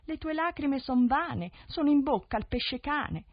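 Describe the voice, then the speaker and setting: A woman voicing a lost sister who answers from the sea in a slow, mournful rhyme, in a dull 1970s radio recording. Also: sits high, animated, no echo, voice pushed up. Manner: slow, mournful rhyming reply. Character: drowned sister's voice from the sea, sorrowful.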